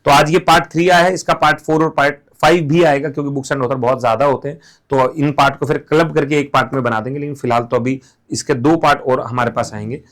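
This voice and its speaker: A man's voice: medium pitch, fairly even intonation, fast, fairly bright tone. A man teaching exam material through playful, silly memory stories in a casual classroom manner. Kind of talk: mnemonic lesson, casual classroom talk.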